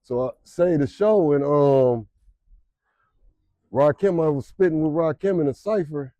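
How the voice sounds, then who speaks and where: Man, interview guest; relaxed, slangy delivery, warm low tone, dry close sound. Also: a little slow, no room sound. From Detroit, Michigan. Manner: laid-back, slangy, trails off with fillers. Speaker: interview guest, music promoter and rapper. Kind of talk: casual interview.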